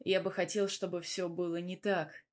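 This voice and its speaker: A blunt, possessive young lover from a romance audiobook, read by a woman narrator. He speaks gruffly and a touch lower, teasing one moment and threatening the next. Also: level tone, normal speed, natural voice. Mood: tender.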